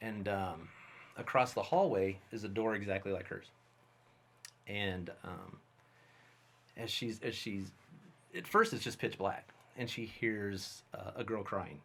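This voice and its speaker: Brief: lower-voiced male guest, lively casual storyteller. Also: unhurried, long pauses. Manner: animated, vivid storyteller. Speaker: guest, special effects artist and filmmaker.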